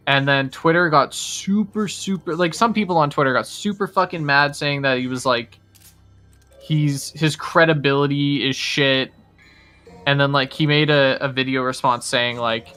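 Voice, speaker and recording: A man's voice: a little high, sharp tone. A man hosting a casual gaming stream, rambling with lots of fillers and swearing freely. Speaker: host.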